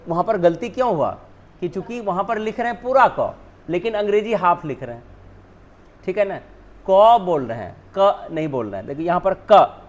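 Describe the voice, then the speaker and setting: A male teacher whose first language is Hindi, explaining spelling rules step by step, often asking and then answering his own questions. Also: high-pitched. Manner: repeats "ठीक है ना", asks and answers own questions.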